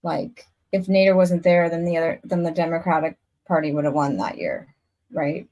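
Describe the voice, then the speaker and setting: A woman's voice: low-pitched, moderate pace, dark tone, lo-fi sound. A woman hosting a casual podcast conversation, talking earnestly in long rambling stretches with frequent restarts. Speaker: podcast host. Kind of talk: casual chat.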